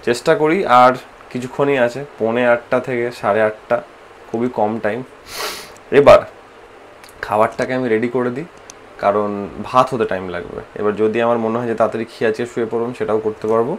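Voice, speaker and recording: A man with a Bengali accent vlogging at home, talking slowly and softly to save energy, tired from a fast, dropping English phrases into his speech. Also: mid-range voice, steady tone, a little hiss or hum. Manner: slow, soft-spoken, mixing English phrases into speech. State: tired and low on energy from fasting. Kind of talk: casual vlog narration. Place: home, indoors.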